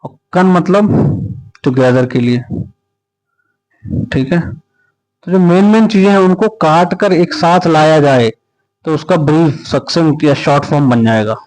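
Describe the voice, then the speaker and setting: Slow, repetitive teacher drilling words. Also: male voice, on the high side, animated, darkish tone, poor audio. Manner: repeats words slowly for dictation, spells letters out; mixes Hindi explanation with English terms. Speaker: vocabulary teacher. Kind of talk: exam-prep vocabulary lesson.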